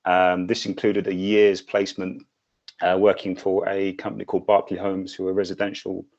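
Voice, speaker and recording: A young man from England, a construction manager giving a steady online talk over a video call, with a few fillers. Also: deep voice, brisk. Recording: dull lo-fi video call audio.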